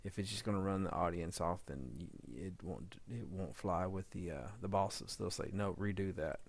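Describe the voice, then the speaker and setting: In a casual screen-recorded editing demo, a fan audio drama sound editor talks while he works, often mumbling file labels to himself. His voice is low-pitched with vocal fry, and he speaks at a normal speed. Faint background noise and clicking can be heard.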